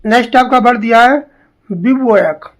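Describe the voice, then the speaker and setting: Slow, drilling woman teacher. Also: a little high. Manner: slow, drilling, repeats words and asks questions. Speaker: English teacher. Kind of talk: spelling lesson for exam students.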